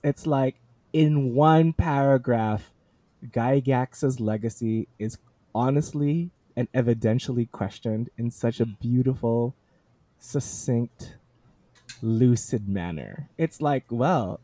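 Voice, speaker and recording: A man's voice: mid-range voice, dark tone, no echo. A man hosting a book discussion, articulate and enthusiastic, who also reads passages aloud.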